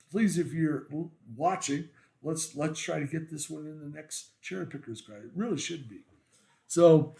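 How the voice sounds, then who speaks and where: A man hosting a coin collecting video who talks haltingly with many fillers, his voice nasal after an illness. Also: fairly high pitch, a little mellow. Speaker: coin channel host. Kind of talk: casual spoken coin video.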